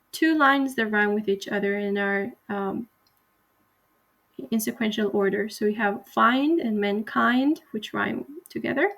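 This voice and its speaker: A woman's voice: on the high side, a bit bright. Earnest young woman giving a class talk. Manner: earnest and explanatory, many pauses and restarts. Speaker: university student presenter. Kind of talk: class presentation on a poem.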